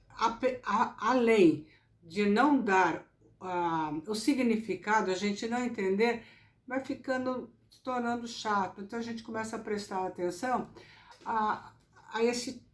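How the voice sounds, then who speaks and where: A woman teaching public speaking in a recorded lesson, speaking slowly and deliberately with careful articulation. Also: fairly high pitch. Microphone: camera. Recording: echoey room sound.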